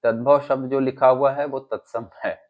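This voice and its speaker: A man's voice: medium pitch, fairly even intonation, normal speed. A male teacher with an Uttar Pradesh Hindi accent, reading quiz questions and their options, then giving the answers and explaining them. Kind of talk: exam-prep lesson, reading quiz options. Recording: dull lo-fi audio.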